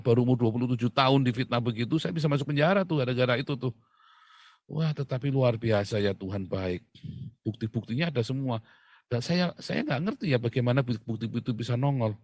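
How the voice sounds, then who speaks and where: A middle-aged man preaching a sermon, telling his own story in a lively way and often breaking into laughter. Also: mid-range voice, dry recording. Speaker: pastor. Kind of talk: sermon testimony.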